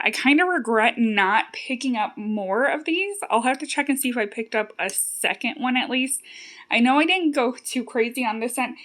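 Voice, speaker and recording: A woman's voice: on the high side, fairly bright tone. A woman talking casually and conversationally to her viewers as she hosts a product review vlog. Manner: chatty, conversational. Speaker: YouTube host reviewing home fragrance products.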